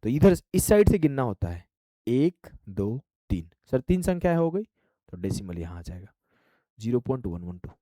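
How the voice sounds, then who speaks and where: A man teaching a math lesson, briskly counting out digits and coaxing his students along. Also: medium pitch, warm tone, dry recording, clean studio sound. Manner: brisk, drills numbers aloud, coaxing students. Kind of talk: classroom-style math lesson.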